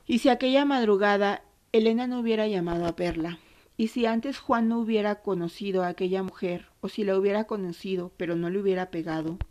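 A woman with an Argentine accent reading literary nonfiction in a measured, somber way. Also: medium pitch, darkish tone. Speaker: narrator.

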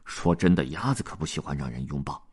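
A man voicing a calm, polite duck butler in a children's story, speaking in a soothing, steady way. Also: very deep voice, fast talker, husky, pitched below the performer's own voice, heavily acted.

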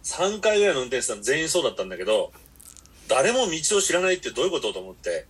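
A man's voice: medium pitch, big pitch swings, quick pace, slight background noise. A man hosting a podcast, telling long rambling stories in blunt casual chat. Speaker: podcast host.

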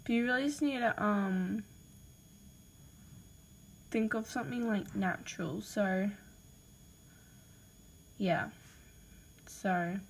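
A woman with an Australian accent and a medium-pitched voice reads out name ideas in a casual voice message, as a podcaster would. She takes it slowly, with long pauses and lots of ums, sounding hesitant and apologetic, over a little hiss or hum.

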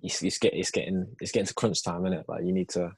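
Deep, husky young London roadman. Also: steady tone, quick pace. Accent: London, urban roadman. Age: young adult. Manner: heavy street slang, teasing, swearing. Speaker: podcast co-host. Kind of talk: casual banter among friends.

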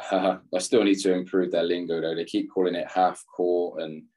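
A man's voice: sits low, little pitch movement, moderate pace, a little mellow. A young English man, a former footballer, chatting casually as an interview guest, rambling and laughing at himself. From England. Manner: rambling, laughs often, self-deprecating. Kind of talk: casual chat.

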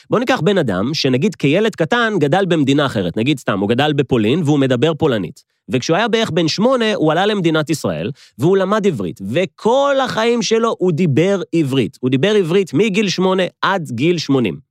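A man's voice: mid-range voice, dry recording, studio quality. A man with an Israeli accent hosting a motivational podcast monologue, speaking emphatically and straight to listeners with rhetorical repetition. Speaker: podcast host.

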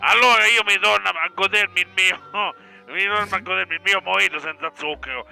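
A man comes through over the phone with a fairly high voice. He rambles in crude, teasing banter, and music plays underneath. His voice sounds a little distant on the line. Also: a little fast, gravelly, pushed and bright. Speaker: caller.

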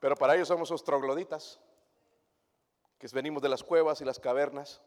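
A male preacher giving a sermon to his congregation, shifting from hushed, intimate tones to loud, emphatic preaching. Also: fairly high pitch, fairly even intonation, a little fast. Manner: addresses the congregation directly as brothers and sisters. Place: church. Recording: long reverb of a church hall.

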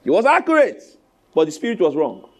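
A man's voice: on the high side, huge pitch swings, fairly quick. A man preaching a sermon like an emphatic pep speech, urging listeners on and throwing questions at them. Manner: call-and-response questions to the congregation. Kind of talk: sermon, teaching from scripture.

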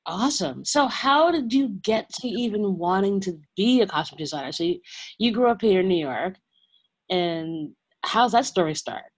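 A woman's voice: medium pitch, animated, normal speed, husky. A woman hosting an interview, giving brief encouraging reactions and asking questions. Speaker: podcast host.

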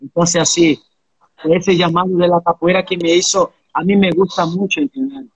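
Husky guy in his 30s from brazil, bit higher voice, dry dull lo-fi sound. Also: normal speed, dry recording. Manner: earnest, reflective, tags lines with questions. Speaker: interviewee, capoeira practitioner. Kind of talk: casual interview conversation.

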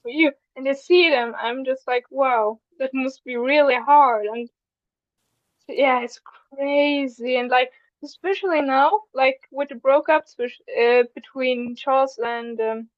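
A woman's voice: high-pitched, measured pace, no echo. A young woman joining a podcast as a guest in casual chat, talking in long run-on sentences with fillers. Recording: dull, dry lo-fi audio.

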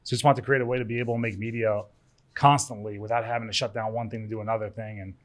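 A man's voice: lowish voice, steady tone, racing. A man from Cyprus, an event organizer, chatting casually on a podcast and often restarting his sentences. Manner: rambling, repeats words, laughs easily. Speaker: event organizer, studio owner.

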